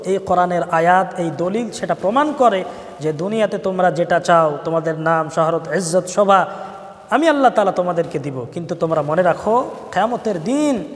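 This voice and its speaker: A male preacher with a high voice delivers a sermon in a rising and falling cadence, drawing words out for emphasis. He breaks into chanted Arabic verses. A long hall reverb trails behind every phrase. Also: normal speed.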